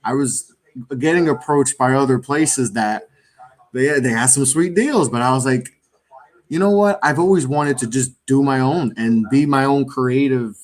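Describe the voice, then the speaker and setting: A man's voice: mid-range voice, a little slow. A man who runs a podcast network, chatting casually in a rambling way with many restarts. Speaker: network founder and guest.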